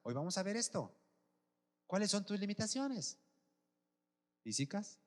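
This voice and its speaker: Pastor, sermon, fairly high voice, long church reverb, checks in with the congregation. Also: male voice, very animated, a little slow. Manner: keeps asking the congregation if they are with him.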